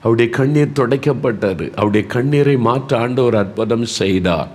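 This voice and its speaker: Male preacher, mid-pitched, emotive devotional sermon, heavy repetition for emphasis. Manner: emotive, repeats words for emphasis; moves between soft, slow lines and raised, pressing ones.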